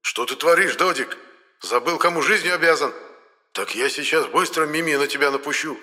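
A man's voice: medium pitch, normal speed, sharp tone, in a large hall, voice pushed up. A man voicing a quarrelsome, fussy male ghost who hisses and grumbles. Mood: indignant. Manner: hissing, grumbling.

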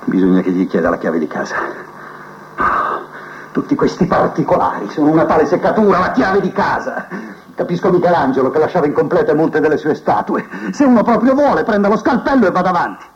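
A proud, scheming genius inmate. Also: male voice, fairly high pitch, a little fast, a little hiss or hum. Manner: musing to a cellmate, swinging between soft mutters and lively outbursts. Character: proud scheming male prison inmate who thinks he's a genius. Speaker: stage actor in a TV monologue. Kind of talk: theatrical TV drama monologue. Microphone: cassette recorder mic held to a TV speaker. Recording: muffled TV audio taped off a set onto cassette.

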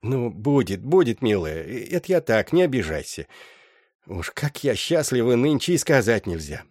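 A man's voice: mid-range voice, sing-song, moderate pace, darkish tone, husky, dry recording, studio quality. A man voicing a scheming old mother witch who scolds and mocks, in an audiobook. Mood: coaxing. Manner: scolding, mocking. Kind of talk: audiobook character voice.

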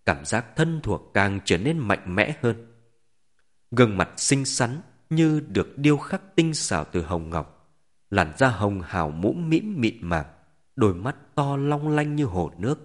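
Expressive male story narrator. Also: medium pitch.

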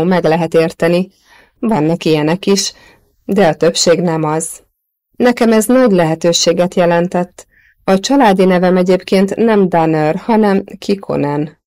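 Jovial boastful older boss, read by a woman narrator, low-voiced, in an audiobook. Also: darkish tone, natural voice. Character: jovial middle-aged Finnish-American man, boss.

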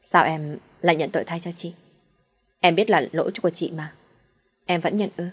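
A woman's voice: on the low side, steady tone, moderate pace, breathy edge, faint music behind. A woman voicing a sly, timid young woman in a storybook reading. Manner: sweet-talking, timid.

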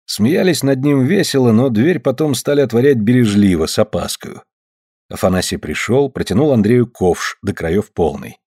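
Man, audiobook narration, expressive, husky voice, lively pitch. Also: moderate pace, dry recording, studio quality. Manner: expressive storytelling.

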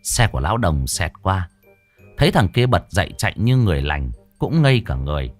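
A man's voice: low-pitched, big pitch swings, a little fast, soft background music. A man narrating a story in a vivid, earthy way.

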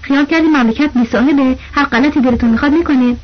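Woman reading as a bossy man, commanding and loud, high voice, dull lo-fi sound. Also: lightly acted. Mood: angry. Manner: shouting, commanding. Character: bossy well-dressed man posing as inspector. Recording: dull lo-fi audio.

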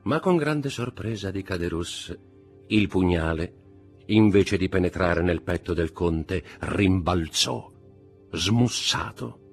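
A man's voice: deep voice, slow pace, vocal fry, slightly rough, faint music behind. An Italian man narrating a classic novel as an audiobook, telling the story vividly and expressively. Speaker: audiobook reader.

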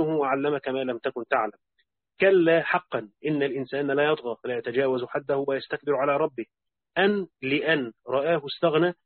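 A man reading a classical religious commentary aloud in a steady, formal, recitation-like way, now and then correcting himself. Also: a little high, dry recording. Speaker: audiobook reader. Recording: dry phone-like narrow sound.

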